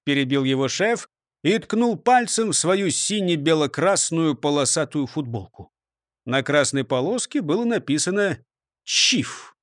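A man's voice: fairly high pitch, moderate pace, no echo, clean studio sound. A man narrating a children's storybook, speaking directly to the listener. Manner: lively, talks to the listener.

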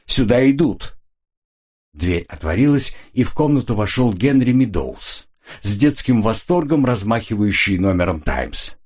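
A man with a husky voice narrating a crime novel audiobook expressively. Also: on the low side, moderate pace. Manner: expressive, voices each figure.

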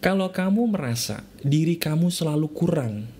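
A man's voice: a little high, animated, moderate pace, mellow, slight background noise. A man giving a motivational talk, asking the listener direct rhetorical questions. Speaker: motivational speaker.

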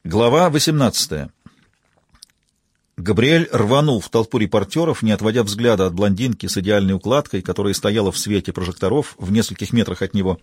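A man reading a novel aloud in steady, even scripted narration. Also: fairly low pitch, fairly quick, husky, dry recording. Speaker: audiobook narrator.

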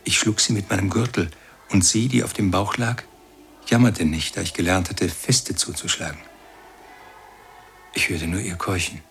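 An actor in a radio play narrating as a grown son who recalls his childhood in slow, brooding words and keeps turning to address his mother. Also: low voice, fairly even intonation, creaky, fairly bright tone, a little hiss or hum. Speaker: first-person narrator.

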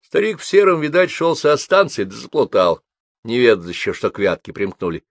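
A man narrating a novel aloud in a measured, even storytelling manner. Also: mid-range voice, no room sound. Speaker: audiobook reader.

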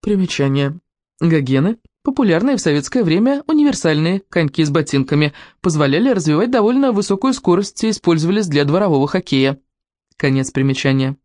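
A man narrating a children's storybook in an even, clear reading voice. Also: a little high, a little fast, no room sound, clean studio sound. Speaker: audiobook narrator.

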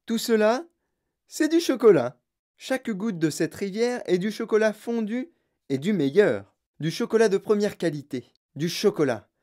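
A woman voicing an excitable, eccentric man who proudly shows off his chocolate factory in an audiobook reading. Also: medium pitch, moderate pace, pitched above the performer's own voice, lightly acted. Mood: boastful excitement. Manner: exclamatory and boastful, showing off.

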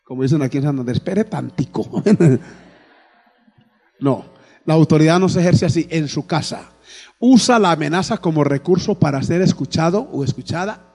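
Male pastor, mid-high warm voice, sermon delivered in a reverberant hall. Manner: preaching to a congregation with frequent "amén" and "alabado el nombre de Jesús".

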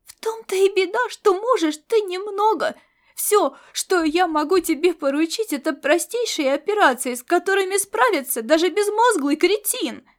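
A woman reading an audiobook and voicing a female alien star cat crewmate who scolds and shouts. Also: very high-pitched, animated, slow pace, voice pushed up, full character voice. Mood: scolding. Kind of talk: audiobook character voice.

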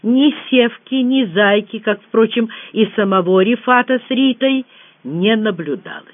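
An audiobook reader telling a novel aloud with expressive delivery. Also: mid-range voice, measured pace. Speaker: audiobook narrator. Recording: tinny phone-like audio.

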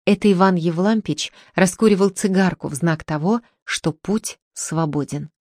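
A woman narrates an audiobook in a calm, steady reading with a lower voice. The recording is close and dry, with no room echo. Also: moderate pace.

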